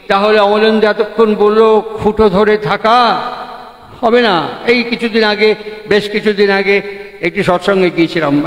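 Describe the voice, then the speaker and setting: A man with a very high voice gives a spiritual discourse, piling up rhetorical questions and repeating key phrases for emphasis. His voice rings through a large hall with a long, echoing reverb. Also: fairly bright tone. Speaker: speaker at a devotional gathering.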